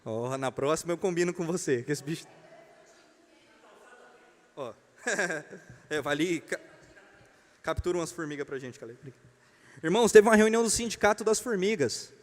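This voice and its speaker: A man's voice: fairly high pitch, lively intonation, normal speed, long pauses. A man with a Brazilian accent teaching a church membership class, joking and telling stories as he speaks to the room. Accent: Brazilian Portuguese. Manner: joking, storytelling, addresses the room as brothers. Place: church hall. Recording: long reverb of a church hall.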